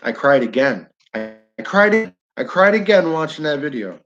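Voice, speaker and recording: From his downtown building, a man with a northern New York accent runs a casual livestream, meandering, restarting his sentences and addressing viewers by name. His slightly bright voice sits on the high side with a sing-song lilt at normal speed. The recording is muffled, with faint music behind him.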